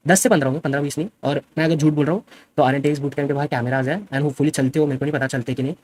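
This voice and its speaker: A young man, a streamer, retelling a fight in a fast and defensive way and mixing in English words. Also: fairly high pitch, darkish tone, a little hiss or hum. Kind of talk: casual storytelling.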